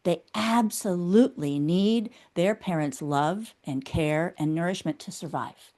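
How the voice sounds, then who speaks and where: As an interview guest, this inner critic specialist lays out her theory like a teacher, frequently pausing to ask "okay?". Her voice is lowish and mellow, and she talks a bit slowly.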